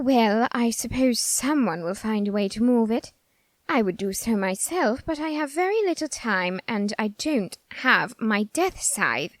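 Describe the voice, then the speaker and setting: With her voice on the high side and fully in character, a woman performs a put-upon audio roleplay monologue as a flamboyant, vain reaper in love. Her words are dramatic and drawn out, and there's no room sound.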